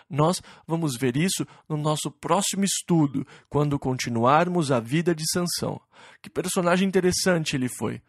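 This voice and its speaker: A man giving an expository Bible study. He slows down to read verses and then retells them in plain, conversational words. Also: on the high side, dry recording, clean studio sound. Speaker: Bible teacher.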